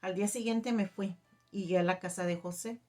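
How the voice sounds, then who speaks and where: A middle-aged woman telling a personal faith testimony, halting and emotional, with many fillers. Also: mid-range voice, fairly even intonation, a little mellow, faint music behind. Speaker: testimony giver.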